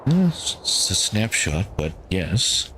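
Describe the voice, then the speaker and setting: A man giving calm gameplay commentary, thinking aloud and talking to his squad as he plays. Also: sits low, slow pace, a little hiss or hum. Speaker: gameplay streamer.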